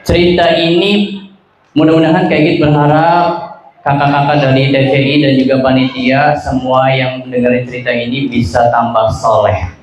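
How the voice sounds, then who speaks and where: A man telling stories to children at a live event, leading playful call-and-response, with sudden shouts and silly voices. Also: mid-range voice, little pitch movement, normal speed. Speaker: children's storyteller. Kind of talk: lively storytelling for children at an event. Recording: very echoey hall with background noise.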